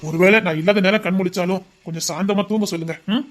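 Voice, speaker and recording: A man acts out a dutiful village policeman. His voice stays soft and reassuring. He speaks with quiet, gentle care in a Tamil audio drama. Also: sits high, fairly even intonation, fast talker, natural voice. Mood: calm.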